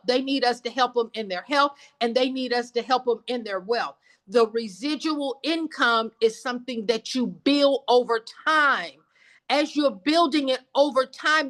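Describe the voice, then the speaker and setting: A woman's voice: on the high side, a bit bright. A woman in her seventies leading an online sales meeting with an emphatic, repetitive, preacher-like cadence. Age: 70s. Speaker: business team leader. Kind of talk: motivational sales call.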